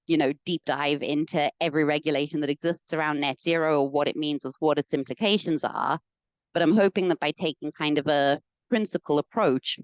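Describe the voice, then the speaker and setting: A young South African woman talks through a lunchtime webinar in a friendly, measured way, often pausing on "um." Her voice is smooth and clear. The video call audio is dry and a little dull. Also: sits low, dry recording. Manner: friendly, measured, frequent "um" fillers. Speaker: environmental consultant giving a webinar talk. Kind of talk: presentation.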